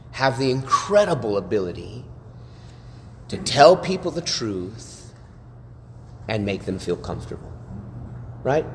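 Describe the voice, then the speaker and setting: A man preaches to a class in an animated teaching voice, stacking up rhetorical questions. His voice carries with a long reverb in the room, and a faint hiss sits behind it. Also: mid-range voice. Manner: animated, asks rhetorical questions, frequent "right?". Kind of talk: sermon-style teaching.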